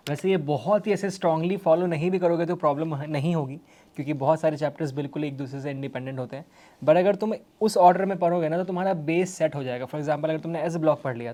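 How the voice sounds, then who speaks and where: A young man with an Indian accent giving energetic, direct study advice to exam students, mixing English phrases into his Hindi. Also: high voice. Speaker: exam prep mentor.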